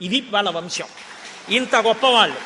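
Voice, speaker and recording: A man gives a devotional scripture discourse. He explains things step by step, asks his listeners questions and chants Sanskrit verses slowly. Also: high voice, pushed and bright, slight background noise. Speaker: religious discourse speaker. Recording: long hall reverb.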